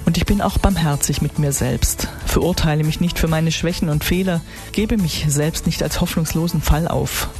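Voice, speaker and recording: A woman's voice: sits low, normal speed, a little mellow, soft background music. A woman delivering a scripted devotional reflection for church radio.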